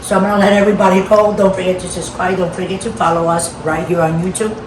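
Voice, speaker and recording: Casting: woman home-cooking host, lowish voice, chatty and agreement-seeking, recorded off-mic in a roomy kitchen. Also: flat delivery, fast talker, recorded from a distance, background noise. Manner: conversational, repeatedly seeking agreement. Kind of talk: casual cooking demo, chatting to viewers.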